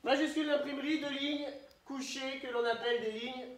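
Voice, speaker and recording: A man teaching young children, asking questions and spelling words out slowly syllable by syllable. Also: very high voice, fairly even intonation, a bit bright, recorded from a distance, slight background noise. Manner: questioning, prompting pupils to answer. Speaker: primary school teacher. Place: classroom. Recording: roomy echo, voice from the mic.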